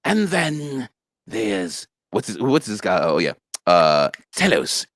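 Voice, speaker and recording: Lively low-voiced man in casual chat. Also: takes it slowly, dry recording. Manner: animated, slips in and out of character voices; repeats words while thinking. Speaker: guest, creator of a story series.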